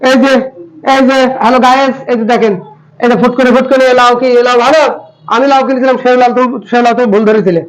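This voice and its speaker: Chatty high-voiced male family vlogger. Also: fairly even intonation, fast talker, poor audio. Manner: chatty, teasing, repeats a catchphrase. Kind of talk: casual family vlog.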